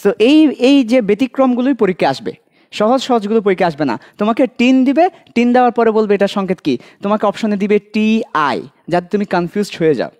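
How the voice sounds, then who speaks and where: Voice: mid-range voice, animated, brisk, a little mellow. A teacher with a Bangladeshi accent giving an online admission-prep chemistry lesson. The teacher repeats key points, quizzes students directly and adds light jokes. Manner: light joking asides.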